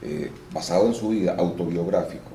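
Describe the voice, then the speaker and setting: Low, brisk and creaky, the voice belongs to a Venezuelan actor and voice-over performer giving a casual interview. He goes into long explanations, tells lively stories and sometimes restarts his sentences. Faint noise sits in the background of a roomy space.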